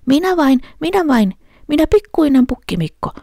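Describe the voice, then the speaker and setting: A woman voicing a small billy goat in a storybook, talking in a high, squeaky voice. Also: big pitch swings, gravelly, dark tone, no echo, studio quality, exaggerated voice. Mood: timid.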